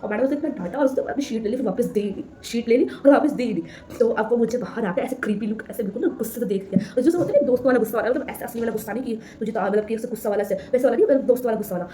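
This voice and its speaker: A woman's voice: on the high side, racing, mellow, slight background noise. A teenage girl vlogging casually to camera, rambling, repeating herself and laughing as she tells a story.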